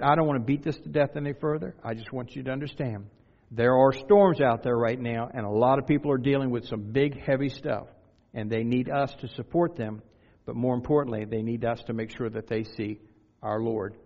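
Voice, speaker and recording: A middle-aged man preaching a sermon as a pastor, earnest, moving from quiet personal reflection to raised exhortation. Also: mid-range voice, steady tone, normal speed, vocal fry. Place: church sanctuary. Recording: dull, reverberant hall recording with faint music.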